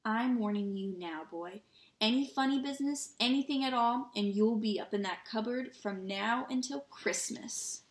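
A woman's voice: on the high side, normal speed, natural voice. A woman voicing a blustering, bullying middle-aged uncle in a storybook read-aloud, stern and threatening, in a roomy-sounding recording. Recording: roomy echo.

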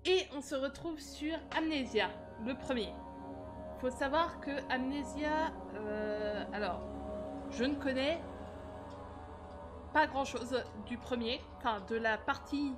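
A woman's voice: high voice, slow. A young woman from France, a gaming streamer chatting casually to her viewers, rambling and playful with lots of fillers. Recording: music playing behind.

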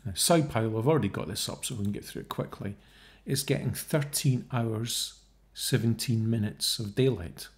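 A man's voice: on the low side, moderate pace, few pauses. A man narrating his own screen-share video, working through figures and mocking the idea he debunks. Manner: scornful, mocking asides, thinking aloud. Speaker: video creator debunking a theory. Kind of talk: casual screen-share commentary.

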